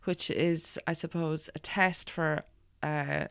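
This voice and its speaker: An Irish woman talks in a clear voice with a creaky edge, in a dry recording. She chats casually as a guest, hesitating and meandering as she goes. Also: low-pitched, fairly even intonation, slow, fairly bright tone, dry recording. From Ireland. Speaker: guest, stand-up comedian. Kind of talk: casual chat.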